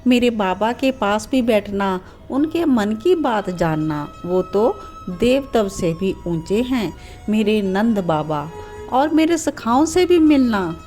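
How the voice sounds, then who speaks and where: A woman's voice: mid-range voice, lively intonation, takes it slowly, darkish tone, faint music behind. Woman voicing tender young god Krishna. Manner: tender, pleading, emotional. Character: young male god Krishna, loving and tearful.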